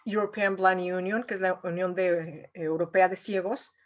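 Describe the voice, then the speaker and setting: As an interview guest, a painter from Mexico shares an emotional story in a conversational style, leaning often on "o sea" and "eh." Her voice is on the low side with fairly even intonation and a moderate pace, and the highs are cut off.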